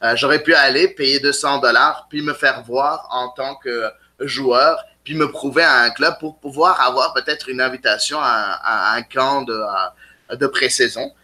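A man's voice: medium pitch, steady tone, measured pace, bright, forceful tone. A man from Canada, a guest explaining things eagerly in a casual interview. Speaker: guest soccer blogger.

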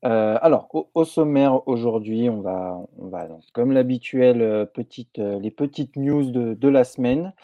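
A man co-hosting a show, running through the lineup in a relaxed, jokey way with some hesitations. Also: medium pitch, unhurried, hardly any pauses, no echo, lo-fi sound. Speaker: co-host.

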